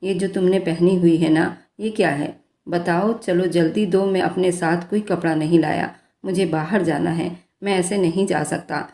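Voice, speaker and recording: A man's voice: sits high, fairly even intonation, moderate pace, creaky, a little mellow. A woman voicing a teasing, affectionate young husband in a romantic spoken story, coaxing and playful. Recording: roomy echo.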